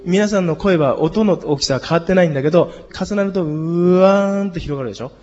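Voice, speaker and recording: A hoarse man teaching a group singing lesson, explaining harmony and leading the class in exercises. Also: high voice, fast talker, darkish tone, big-room sound, dull audio, soft background music. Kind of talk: music lesson.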